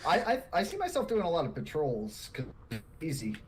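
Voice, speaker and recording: A man co-hosting a podcast in casual chat, animated and quick to laugh, often repeating words. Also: a little high. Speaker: podcast co-host.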